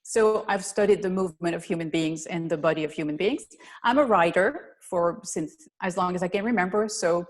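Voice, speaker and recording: A Belgian woman who is a physical therapist gives an earnest, explanatory webinar talk as a guest presenter over a video call, with a Belgian accent and slightly non-native phrasing. Her voice is medium-pitched and a little mellow.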